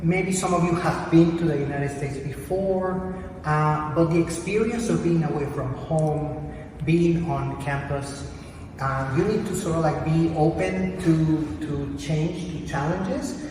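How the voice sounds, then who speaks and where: A middle-aged man from Mexico, a professor and program director, answering interview questions in a measured, reflective way, often searching for words. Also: on the high side, darkish tone. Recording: echoey hall, distant mic, background noise.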